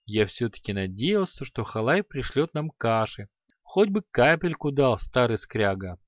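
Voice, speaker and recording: A man's voice: medium pitch, very animated, a little slow, dry recording. A man voicing a proud, irritable young apprentice who grumbles and snaps curtly in an audiobook. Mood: grumpy. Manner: grumbling, curt. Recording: slightly dull audio.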